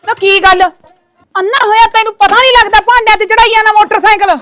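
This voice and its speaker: A sharp-tongued village wife nags and scolds her husband without pause, played by a woman. Her voice is very high and bright, with an edge that cuts through. It is a comic scene from a web series. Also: fairly even intonation, soft background music. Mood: scolding. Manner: scolding, nagging. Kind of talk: comedy web series acting.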